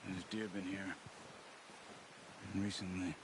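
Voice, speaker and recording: A man's voice: little pitch movement, slow, noisy background. An American man playing a seasoned, watchful hunter in a video game, giving terse, patient instructions. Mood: focused, cautious. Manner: instructive, terse, low-key commands. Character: seasoned male hunter, patient, watchful outdoorsman guiding a companion. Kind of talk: naturalistic video game acting. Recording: game dialogue under loud outdoor ambience.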